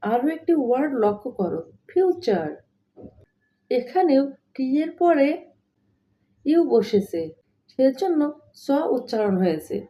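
A woman's voice: sits high, big pitch swings, a little slow, pauses often, warm tone. A woman teaching English pronunciation step by step, repeating each rule twice and spelling words letter by letter. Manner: addresses listeners as dear learners. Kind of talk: slow step-by-step pronunciation lesson.

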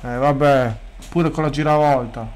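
A man streaming a sports video game, chatting casually, swearing freely and bursting into loud excited shouts. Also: on the high side, moderate pace, clear, resonant tone. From Italy. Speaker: gaming streamer. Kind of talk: casual gameplay commentary.

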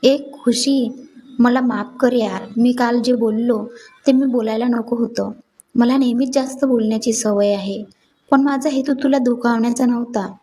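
Brief: a woman reading as playful teasing young man, a bit high, mellow tone. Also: fairly even intonation, a little slow, lightly acted. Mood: apologetic. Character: cheeky talkative young man, office newcomer.

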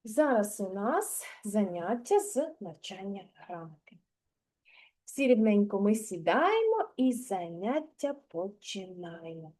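A woman teaching a lesson to small kindergarten children, speaking in a sing-song, drawn-out, coaxing way and reciting little rhymes. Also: medium pitch, very animated, a little mellow. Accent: Ukrainian.

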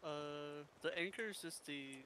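A man's voice: on the high side, measured pace, background noise. A man chatting casually with crewmates while playing a game. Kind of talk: casual gaming chat.

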